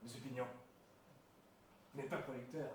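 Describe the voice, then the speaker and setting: A man's voice: mid-range voice, steady tone, normal speed, close to an everyday voice. A man acting an impatient, scheming man who bosses others around curtly, in an amateur stage comedy. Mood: exasperated. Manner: curt, exasperated, commanding. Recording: echoey stage from far off, faint noise.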